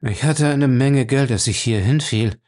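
A man's voice: medium pitch, a little slow, darkish tone, lightly acted. A man voicing a whiny, defiant and cowardly man in an audiobook, sulky and complaining. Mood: sulky whining.

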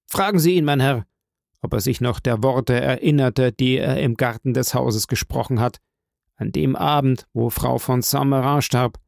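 A man's voice: mid-range voice, normal speed, vocal fry, darkish tone, dry recording, clean studio sound, natural voice. A man voicing a passionate, grief-stricken young man who speaks in fervent, insistent repetitions. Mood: accusing.

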